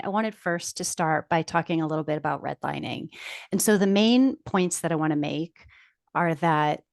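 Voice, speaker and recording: A woman's voice: on the low side, no echo, studio quality. A woman presenting slides to an audience on an online video call.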